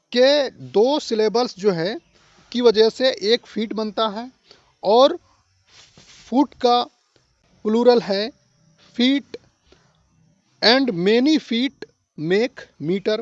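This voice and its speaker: Man, high voice, English literature teacher, mixes Hindi and English, slows down on English phrases, repeats points, dry close sound, lo-fi. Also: dry recording. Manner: repeats and rephrases points for learners. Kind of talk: explanatory lesson.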